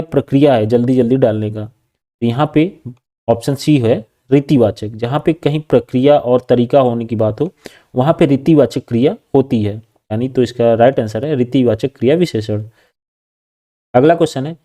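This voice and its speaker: A man with a warm, soft-edged tone runs an exam practice lesson. He reads each question and its options in turn, then says and repeats the right answer. His pitch sits at an ordinary middle height. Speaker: teacher.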